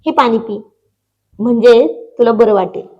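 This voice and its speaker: A woman's voice: on the high side, fairly even intonation, moderate pace, highs cut off, lightly acted. Teasing young man, as a woman narrator voices him. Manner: teasing, coaxing.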